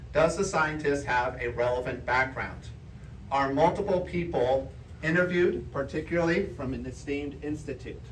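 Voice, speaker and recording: A man with a mid-range, fairly bright voice presents a geology talk as an informal public lecture, explaining things conversationally to a live audience in an indoor room. The recording sounds roomy, with a distant mic and faint background noise.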